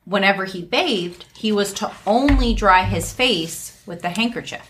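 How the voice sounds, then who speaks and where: A woman's voice: medium pitch, unhurried, fairly bright tone, slight background noise. Woman narrating a folk tale. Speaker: narrator and host. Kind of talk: storytelling read-aloud with casual asides.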